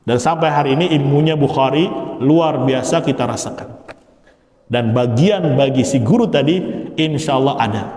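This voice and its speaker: A man's voice: mid-range voice, normal speed, darkish tone. A man teaching Arabic grammar in a mosque, explaining step by step with joking asides. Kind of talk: classroom lecture. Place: mosque hall. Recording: echoey hall with long reverb.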